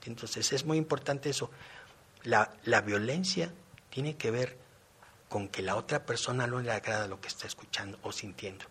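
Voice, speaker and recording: Husky middle-aged man. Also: medium pitch, normal speed, fairly bright tone. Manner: reflective, explains with everyday examples. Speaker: participant in a men's non-violence program. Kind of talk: personal testimony.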